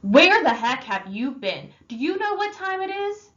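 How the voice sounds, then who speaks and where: A woman doing a furious, shouting older brother. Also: a little high, normal speed, dull audio. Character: angry older teen brother, stern and harsh.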